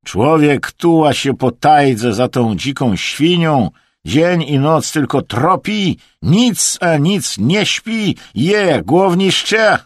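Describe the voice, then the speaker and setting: Man putting on a bellowing Russian cook, mocking, slow drawn-out words, high and loud. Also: sing-song, vocal fry, no room sound, clean studio sound, heavily acted. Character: brash loud Russian male camp cook.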